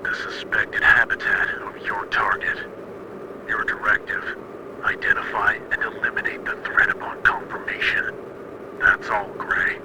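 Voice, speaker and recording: A man's voice: lowish voice, wildly swooping pitch, measured pace. A man playing a stern military commander over walkie-talkie static. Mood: commanding. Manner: clipped, formal, commanding. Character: stern male military commander briefing a soldier. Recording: heavy radio static.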